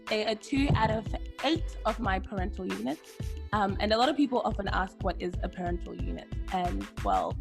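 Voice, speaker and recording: A young woman from Zimbabwe hosting a casual podcast interview, upbeat and quick to laugh. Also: medium pitch, big pitch swings, gravelly, over music. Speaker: podcast host.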